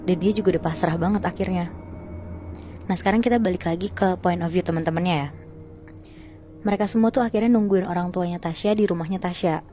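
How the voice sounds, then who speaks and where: A woman's voice: fairly low pitch, fast, pauses often, warm tone, a little hiss or hum. A woman telling a horror story to a friend in a chatty, slangy way, often calling out to her listener.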